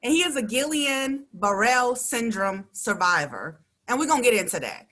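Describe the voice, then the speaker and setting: A woman's voice: a little high, expressive, normal speed, a bit bright. A woman hosting a radio interview, chatty and slangy, with frequent laughs between her lines. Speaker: radio show host.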